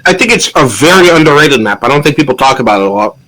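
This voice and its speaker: A young man, a guest in casual gaming chat, talking in an animated, offhand way. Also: mid-range voice, fast talker, a crowd in the background, rough recording.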